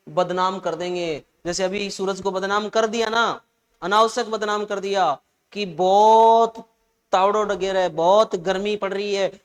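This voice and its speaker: Guy teaching exam prep, high voice, chatty, keeps saying saahab. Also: fairly bright tone. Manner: chatty, addresses listeners as saahab and bhai.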